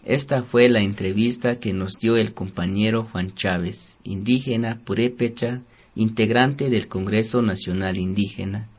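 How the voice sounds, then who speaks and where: A man's voice: on the low side, fairly even intonation, a little slow, husky. A man with a Mexican accent presents a radio programme from a script as its host. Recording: dull lo-fi radio sound.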